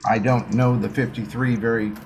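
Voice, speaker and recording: A man giving a reading, explaining each point in a slow, measured way. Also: mid-range voice, level tone, heavy background noise. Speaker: gene keys reader.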